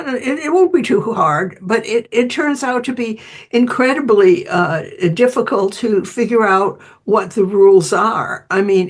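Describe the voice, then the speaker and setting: Speaking as an expert author, a woman answers interview questions in a conversational way, acting out short imagined quotes along the way. Her voice is mid-range.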